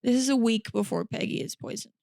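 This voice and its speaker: A woman's voice: fairly high pitch, quick pace, vocal fry, warm tone, dry recording. A woman podcast host telling a true crime story in a casual, chatty way, with blunt profane asides.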